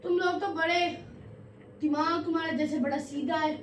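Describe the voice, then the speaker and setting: A woman with a very high voice teaches a classroom lesson, strict and scolding in between, drawing out each verse line slowly as she reads. She sounds far from the mic in an echoey room, with a faint hum of ambience behind her. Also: steady tone. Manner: slow drawn-out verse reading. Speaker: Urdu teacher.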